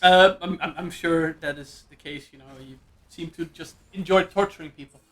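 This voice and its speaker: A man doing live esports commentary, excitable play-by-play with jokey asides. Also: on the high side, normal speed. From Netherlands.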